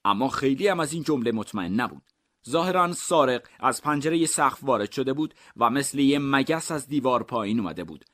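A man narrating comic mystery stories in a deadpan, even storytelling manner. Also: mid-range voice.

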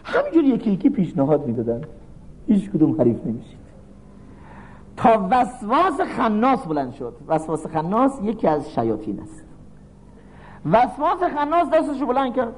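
A man preaching a sermon, reciting Arabic verses and explaining them through animated storytelling with acted voices. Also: sits high, low-quality recording.

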